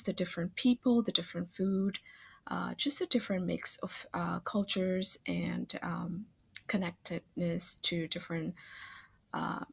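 Gravelly-voiced woman from Singapore. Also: mid-range voice. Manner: friendly, conversational with occasional fillers. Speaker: school counselor. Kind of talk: recorded slideshow introduction. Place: home room, webcam in corner of screen share.

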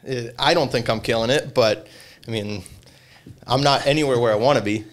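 A man's voice: mid-range voice, normal speed. A man in his twenties from Lithuania, a podcast guest telling a story in casual, rambling talk full of fillers. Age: 20s. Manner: rambling, hesitant, many fillers.

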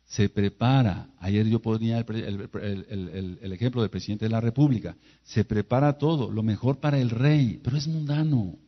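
A man's voice: on the low side, moderate pace, hardly any pauses. Emphatic man preaching a sermon. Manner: emphatic, rhetorical questions and repetition. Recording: dull lo-fi video audio.

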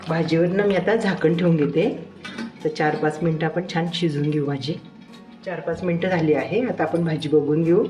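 A woman host giving calm, homely step-by-step cooking narration. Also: deep voice, moderate pace, reverberant, soft background music. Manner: calm, homely, repeats 'chhan' and 'mast'.

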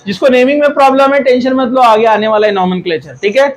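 A man's voice: extremely high pitch, fairly even intonation, quick pace, poor audio. A man teaching a chemistry class in Hindi. He quizzes the students, scolds them and jokes with them. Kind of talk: classroom lecture.

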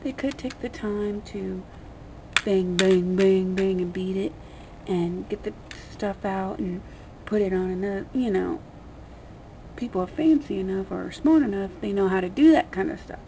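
Warm and creaky in the middle of her range, a vlogger speaks a little slowly while demonstrating something by hand at a table. Her unscripted tutorial rambles, colloquial and slightly crude, in a small, dim indoor room. It's a noisy homemade recording made with a camera mic pointed at her hands.

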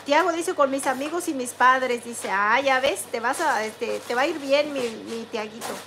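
High-voiced chatty woman livestreamer. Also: normal speed, noisy background. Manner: chatty, warm greetings to each viewer, reads chat names aloud. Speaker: livestream host. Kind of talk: casual livestream chat, reading comments aloud.

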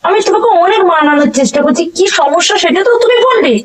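A woman's voice: very high voice, animated, quick pace, rough recording. A young woman with a Bengali accent, coaxing and pleading with her husband, exasperated when he ignores her. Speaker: wife in a prank video.

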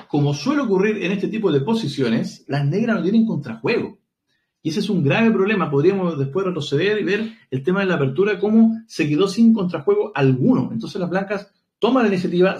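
A man hosting a live stream, analyzing a chess game in a chatty, joking way and thinking aloud. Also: on the high side.

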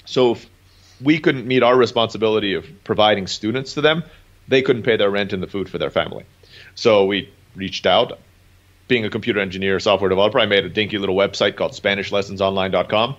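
A guest entrepreneur in his thirties who grew up in Turkey tells his story chattily in a casual interview from his home in Mexico, filling his speech with "um" and "you know". His fairly low voice is a bit bright and quick-paced, heard over dull, lo-fi call audio.

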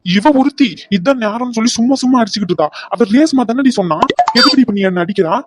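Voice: medium pitch, animated, quick pace, slightly rough, no room sound. A voice actor plays a tied-up cartoon villain, a braggart who has turned into a whining coward. He grumbles and begs in a comic way, and the sound is dry and close. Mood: whiny. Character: captured boastful villain man, whiny coward.

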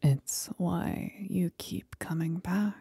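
Here a woman whispers as a sly, condescending demon companion in ASMR roleplay, her husky, breathy voice unhurried and teasingly deliberate. It's a full character voice at a fairly low pitch with a warm tone, recorded dry. She sounds cool and probing.

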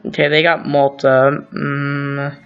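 A man's voice: on the high side, completely flat delivery, slow, fairly bright tone, clear, resonant tone. A man hosting a gaming channel, thinking aloud through strategy game commentary with rambling asides and self-corrections. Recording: dull lo-fi sound, faint music.

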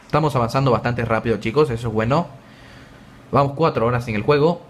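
A young man giving chatty, excitable let's play commentary, joking with viewers as he plays. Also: medium pitch, fast. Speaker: gaming YouTuber.

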